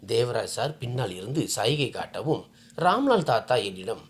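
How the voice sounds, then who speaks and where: Expressive woman telling an emotional story. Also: very deep voice, moderate pace. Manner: expressive, heartfelt. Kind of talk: emotional first-person story narration.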